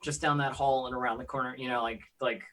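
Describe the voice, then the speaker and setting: A man's voice: mid-range voice, fairly even intonation, fast talker, sharp tone, a little hiss or hum. A man talking casually in character as a player in a tabletop role-playing game.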